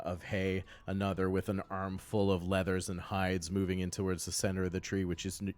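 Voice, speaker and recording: A man narrating a tabletop game as game master, describing scenes in a measured way. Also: low voice, darkish tone, smooth.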